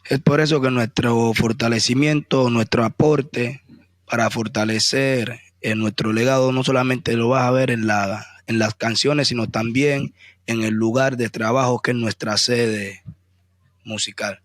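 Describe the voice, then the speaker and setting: A man with a Colombian accent speaks as a musician in an interview. His delivery is measured, with pauses between phrases, and his mid-pitched voice sounds close and dry. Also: steady tone, dry recording. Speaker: musician, group member being interviewed. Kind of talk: interview answers.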